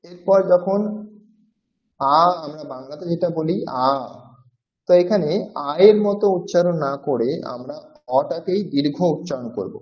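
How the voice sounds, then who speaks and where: A man's voice: a little high, unhurried, pauses often. A man teaching a language class, patiently explaining and repeating each sound several times to demonstrate it. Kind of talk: classroom lecture. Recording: roomy, dull-sounding audio.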